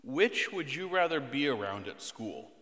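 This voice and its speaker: Male pastor, expressive and playful, bright voice, long reverb of a church hall. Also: mid-range voice, measured pace. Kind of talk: scripture reading and children's sermon. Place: church sanctuary.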